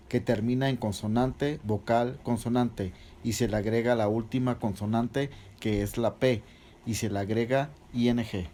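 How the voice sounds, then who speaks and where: A man's voice: mid-range voice, mellow, a little hiss or hum. A man teaching English verb rules in a patient, step-by-step lesson, spelling out letters one by one. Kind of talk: slow step-by-step grammar explanation.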